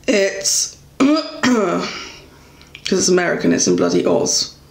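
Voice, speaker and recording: A woman's voice: on the low side, wildly swooping pitch, slow pace, vocal fry. A young English woman chatting casually while reviewing beauty products, with lots of fillers and self-corrections. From England. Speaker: beauty vlogger. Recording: echoey room.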